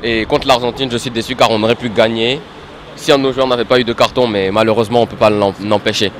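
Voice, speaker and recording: A man's voice: medium pitch, fairly even intonation, quick pace, slight background noise. A man answering an interview as a rugby player, speaking steadily and fairly fluently once he gets going.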